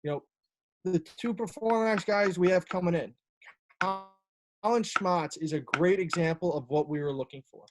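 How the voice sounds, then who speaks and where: Rambling young coach on a call. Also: male voice, high voice, moderate pace, background noise. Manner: rambling, many fillers and restarts. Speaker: college lacrosse assistant coach. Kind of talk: casual talk on a video call. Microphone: video call.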